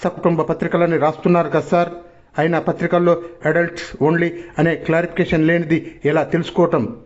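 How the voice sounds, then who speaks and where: A man voicing a blunt, quick-tempered male neighbor who talks in a brusque, argumentative way. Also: fairly high pitch, flat delivery, highs cut off, lightly acted.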